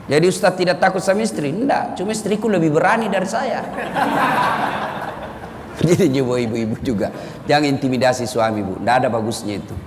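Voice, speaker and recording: A man's voice: fairly high pitch, brisk. A man giving a humorous sermon to a live audience, teasing listeners and acting out quoted wives and mothers. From Indonesia. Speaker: preacher. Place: large hall with a live audience. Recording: long hall reverb, faint background noise.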